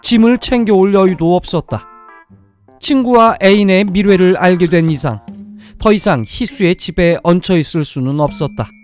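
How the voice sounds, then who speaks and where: With music playing beneath, a storyteller reads a dramatic science-fiction tale in a scripted, narrating style. The voice is medium in pitch and somewhat dark, moving at a normal pace.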